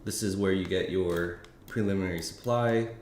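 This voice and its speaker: Casual and halting, this male streamer talks markets on a live stream in a low, somewhat mellow voice, filling gaps with ums and frequent restarts as he thinks aloud about futures. Behind him are keyboard clicks, a roomy echo, and light background noise.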